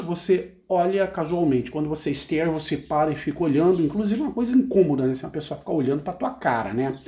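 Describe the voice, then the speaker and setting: A man's voice: a little high, warm tone. A Brazilian man with a Brazilian Portuguese accent, patiently explaining song lyrics as an English teacher, tagging "né?" onto his phrases. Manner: reads English lines slowly and carefully.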